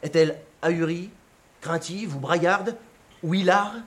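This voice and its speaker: A man narrating a literary text as a dramatic reading, in an expressive, theatrical way that moves from hushed to excited. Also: fairly high pitch, measured pace.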